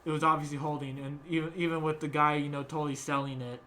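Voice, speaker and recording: Rambling young man, slightly high voice. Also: flat delivery, quick pace, bright, forceful tone, slight background noise. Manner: rambling, many fillers and restarts. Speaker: podcast host. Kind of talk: casual sports chat.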